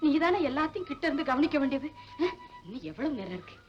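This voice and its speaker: A woman's voice: high voice, sing-song, quick pace. An actress playing a doting, bossy mother who fusses over her son-in-law and shoos him along, in 1960s Tamil film acting on a dull old soundtrack with music.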